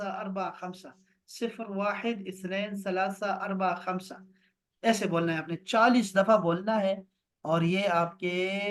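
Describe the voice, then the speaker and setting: A high-voiced man leads an Arabic grammar lesson online through a video call, walking his students through explanations and saying words again slowly so they can follow.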